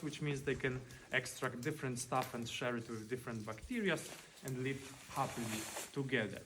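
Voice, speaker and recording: A man's voice: mid-range voice, a bit bright. A man who is a non-native English speaker, working as a cave tour guide and explaining things informally with dry joking asides. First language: not English. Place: inside a cave. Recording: noisy on-location recording with clicks.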